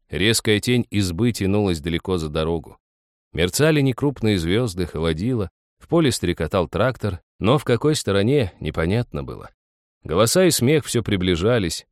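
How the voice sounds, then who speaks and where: A man reading an audiobook story in a calm, measured way. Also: low voice, no room sound, studio quality. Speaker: narrator. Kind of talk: audiobook narration.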